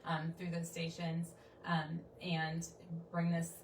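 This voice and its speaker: A woman who manages a program explains its work in an even, informative way. Her voice is fairly low and flat in pitch. She sits some way off the mic in an echoey room, with faint noise behind her. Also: slow, far from the mic.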